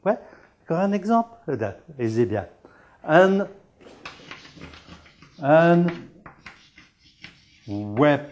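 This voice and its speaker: A man gives a televised dialect lesson at an unhurried, deliberate pace. He explains each word patiently, repeats it, and asks and answers his own questions in a didactic way. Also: fairly high pitch, big pitch swings, a little mellow. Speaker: dialect teacher.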